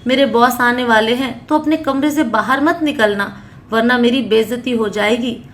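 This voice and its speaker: A woman's voice: on the high side, moderate pace, a little hiss or hum, natural voice. A woman reading a harsh scornful son. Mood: angry. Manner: angry, contemptuous.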